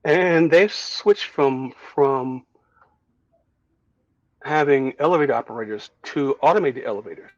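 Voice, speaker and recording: An older man from Detroit, a guest who reflects on his upbringing in an unhurried, storytelling way, with frequent chuckles. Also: mid-range voice, no echo, highs cut off. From Detroit, USA. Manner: reflective storyteller, chuckles often, restarts phrases. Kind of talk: relaxed career interview.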